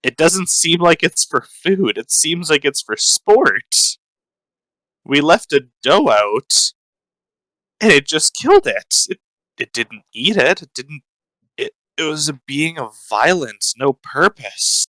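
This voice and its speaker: A man improvising story narration as a player in a tabletop game, with dramatic, deliberate pauses. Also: on the high side, very animated, sharp tone, no echo, rough recording. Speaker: tabletop role-play player.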